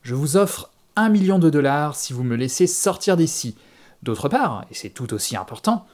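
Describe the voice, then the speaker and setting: A man's voice: on the high side, big pitch swings, normal speed, darkish tone. A man voicing a wealthy gangster trapped underground who panics, stammers and screams for mercy. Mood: bargaining.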